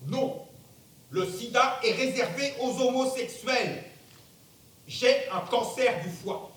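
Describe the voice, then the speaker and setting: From far off in an echoey theatre comes an arrogant, blustering power broker. He declaims slowly and emphatically, in a very high voice full of angry denial. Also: full character voice. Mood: insistent, proud. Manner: emphatic, declamatory, bursts into shouting. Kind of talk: theatrical stage monologue. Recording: distant mic, very echoey theatre, rumbling noise.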